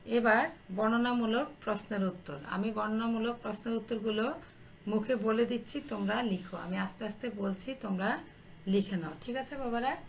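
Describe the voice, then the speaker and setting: A woman teacher with a fairly high voice dictates answers to a primary class, slowly and patiently, repeating each point. A faint hiss of background noise sits under her voice. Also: vocal fry. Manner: slow, repetitive dictation, addresses pupils affectionately.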